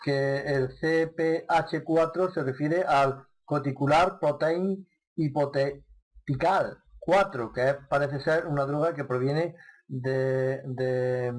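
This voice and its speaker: A man's voice: mid-range voice, steady tone, slow. A man hosting a radio talk show, asking questions about a film in a hesitant, thoughtful way with many fillers. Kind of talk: casual radio interview.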